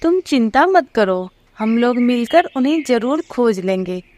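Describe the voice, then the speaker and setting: A woman's voice: a little high, animated, unhurried, darkish tone. A woman voicing a brave young heroine in a cartoon story, firm and resolute.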